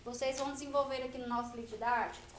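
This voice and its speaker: High-voiced Brazilian woman teacher. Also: fairly even intonation. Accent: Brazilian Portuguese. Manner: patient, explanatory, stresses example sounds slowly. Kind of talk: children's grammar lesson. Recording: echoey room with faint hiss.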